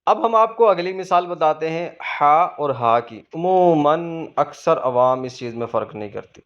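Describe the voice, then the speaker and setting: A man's voice: a little high, animated, dull audio. Patient man teaching Quran reading. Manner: patient, asks questions and answers them himself. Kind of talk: explaining a lesson to beginners.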